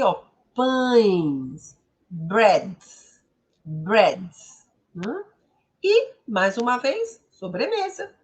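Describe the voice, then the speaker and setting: Brazilian woman teaching english, slow careful pace, repeats words and checks in a lot, bouncy voice. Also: fairly high pitch, darkish tone. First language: Portuguese. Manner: repeats words slowly for pronunciation, asks tag questions. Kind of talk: didactic explanation of pronunciation.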